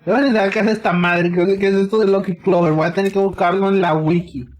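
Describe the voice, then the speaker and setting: A man's voice: high-pitched, steady tone, fast. A male gaming streamer chatting casually in an exaggerated Dominican Spanish accent, playfully switching between English and Spanish. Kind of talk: casual live-stream chat.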